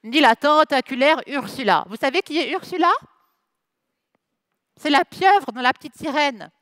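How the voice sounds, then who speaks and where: A high-pitched woman with lively intonation and a fairly bright tone hosts a festival's opening ceremony in front of an audience. Speaking with a French accent, she switches between French and English and teases the crowd with deliberate timing. There's no room sound.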